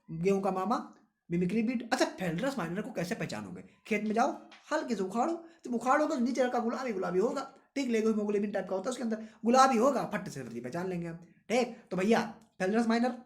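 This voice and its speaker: A male teacher giving an exam coaching lesson, drilling facts with repeated rhetorical questions and memory tricks. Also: high voice. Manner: repetitive, chatty, addresses students as brother.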